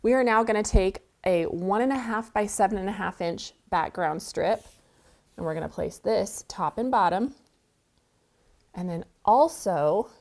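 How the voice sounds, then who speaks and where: A quilting show host with a creaky, slightly mellow medium-pitched voice gives a chatty, friendly sewing tutorial indoors in her studio. She explains each step as she works, sniffling from a cold.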